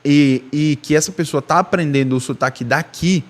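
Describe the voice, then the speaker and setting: A man's voice: on the high side, moderate pace. A man with a Recife accent from Northeast Brazil, giving a casual online language lesson and checking in often with the listener. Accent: Recife Brazilian Portuguese. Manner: casual, chatty, repeats "tá?" and "beleza?". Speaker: language teacher.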